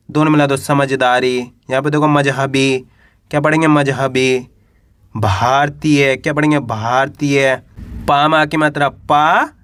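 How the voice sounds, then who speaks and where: A man teaching beginners to read and write, sounding out each word slowly and asking and answering his own questions. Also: sits high, sharp tone, dry recording, clean studio sound. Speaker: Hindi reading teacher. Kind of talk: step-by-step spelling lesson.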